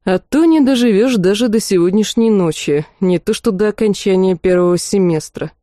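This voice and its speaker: A woman's voice: medium pitch, normal speed, warm tone, dry recording, studio quality, close to an everyday voice. A woman voicing a curt, threatening young male battle mage in a storybook reading. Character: young dark-haired male battle mage, cold and menacing.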